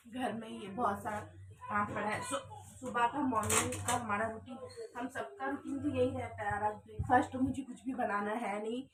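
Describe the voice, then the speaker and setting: Young woman vlogger, higher-pitched voice, casual chat, phone mic that drifts away at times. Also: far from the mic. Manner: soft and sleepy at first, then loud scolding of a pet. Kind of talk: casual daily vlog chat.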